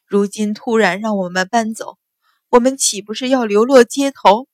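A woman's voice: fairly high pitch, moderate pace, no room sound, studio quality, lightly acted. A woman voicing old servant women who plead tearfully with their mistress.

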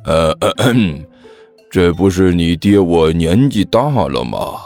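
A man's voice: low-pitched, animated, slow, vocal fry, a little mellow, soft background music, voice pushed down, heavily acted. A man voicing a lazy, sly old male immortal who drawls evasively and plays innocent in an audiobook.

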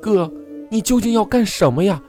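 A man's voice: fairly high pitch, expressive, a little fast, darkish tone, soft background music, voice pushed up, natural voice. A tearful frightened young sister, as a man puts her on. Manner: pleading, tearful, accusing.

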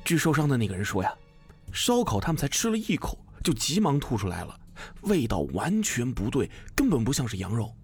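A man's voice: mid-range voice, sing-song, brisk, slightly rough, faint music behind. A man voicing a sly young man who loves scaring his friends with ghost stories. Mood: teasing. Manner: teasing, conspiratorial, drops to a hushed whisper.

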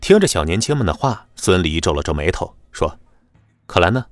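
A man narrating a web novel audiobook in a lively, dramatic storytelling manner. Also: sits low, a little fast, no room sound, soft background music.

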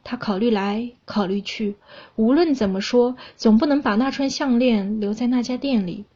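A young woman from China reading a story aloud in a calm, even storyteller's manner. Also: on the high side, normal speed, slightly rough, lo-fi sound. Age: young adult.

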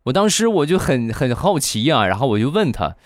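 A man hosts a comedy show, telling comic anecdotes in a chatty, animated way. His voice has a mid pitch with lively swings. The recording is dry and close to the mic. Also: a little fast, no room sound.

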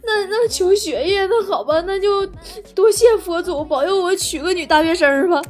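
A woman's voice: extremely high pitch, pitched above the performer's own voice. Woman doing a teary, whining teenage boy. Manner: whimpering, halting. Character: whiny teenage boy, sulking and tearful. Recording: music playing behind the voice.

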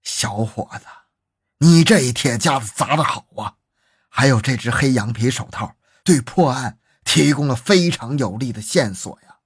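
Brief: male narrator as an older detective, encouraging, low-voiced, husky. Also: expressive, moderate pace, no room sound, clean studio sound. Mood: approving.

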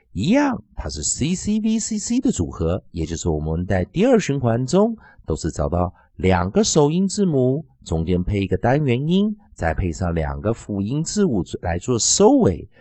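A man teaching English phonics in a classroom style, repeating sounds and words slowly. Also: no echo. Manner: slow, drawn-out repetition of sounds and words; very lively, sing-song pitch.

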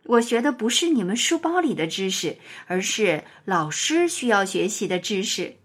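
A woman voicing a kind, cheerful young teacher in a children's storybook, speaking gently with a smile. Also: medium pitch, very animated, normal speed, slightly rough. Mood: gentle. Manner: warm, gentle, smiling delivery.

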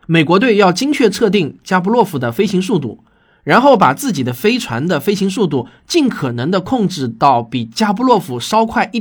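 Speaking in a high, slightly rough voice, a man who writes science fiction hosts a podcast, delivering an emphatic, conversational monologue that explains things to his audience.

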